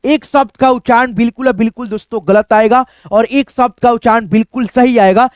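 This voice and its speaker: A man's voice: very high voice, brisk, clean tone, no echo. A man teaching a spelling lesson, explaining step by step, repeating each letter and calling viewers his friends. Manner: steady explaining, constantly addresses viewers as friends. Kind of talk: screen-based spelling lesson.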